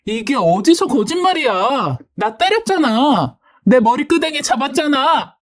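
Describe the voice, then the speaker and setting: A woman voicing a shrill, furious young woman. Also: lively intonation, moderate pace, lightly acted. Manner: yelling, accusing. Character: hot-tempered young woman, rude and shouting.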